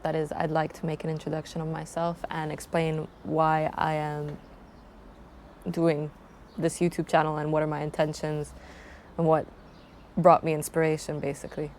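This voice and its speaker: Introducing her travel channel to camera, a young woman from Croatia speaks casually, thoughtfully rambling and often restarting her sentences. Her low-pitched voice has a darkish tone and a completely flat delivery at a moderate pace, with a bit of hiss or hum in the background.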